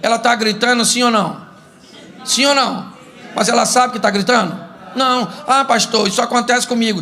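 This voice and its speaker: A Brazilian pastor with a high, gravelly, bright voice and a forceful tone gives a humorous sermon in church. He tells stories and acts out couples' quarrels as the congregation laughs.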